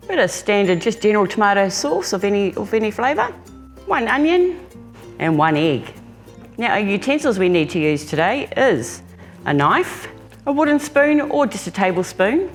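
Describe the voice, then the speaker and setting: Low-voiced New Zealand woman, chatty cooking host. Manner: chatty, informal, addressing viewers as family. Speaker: home cooking show host. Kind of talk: casual cooking demonstration.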